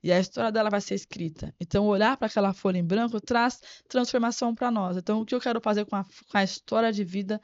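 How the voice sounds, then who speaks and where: A woman's voice: medium pitch, fast talker, hardly any pauses, no echo. A woman guest on a podcast interview, an educator speaking in an earnest, reflective way and repeating words as she thinks. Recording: dry, slightly dull sound.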